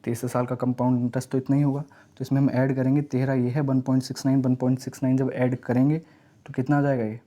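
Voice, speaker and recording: A man teaching exam math step by step, reading each question slowly and then explaining it. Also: medium pitch, flat delivery, mellow. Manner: explains step by step, often asks and answers himself; reads English question text slowly, then explains it in Hindi. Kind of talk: exam-prep math lesson.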